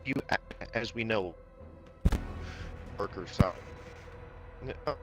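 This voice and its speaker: A man's voice: lowish voice, music in the background. Stammering man on a crackling, cutting-out mic. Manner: halting, stumbling over words with many fillers. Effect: glitchy mic cutting out and crackling. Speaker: interviewer. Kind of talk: backstage wrestling interview.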